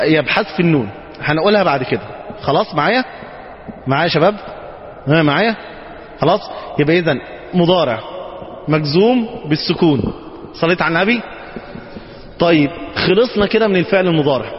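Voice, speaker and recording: An Egyptian man with a high voice leads a grammar lesson, coaxing his students along and checking again and again that they follow. He is recorded in a reverberant hall. The sound is dull, with faint background noise. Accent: Egyptian Arabic. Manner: checks often with the class, coaxing. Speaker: Arabic grammar teacher. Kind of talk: classroom lesson. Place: mosque teaching hall.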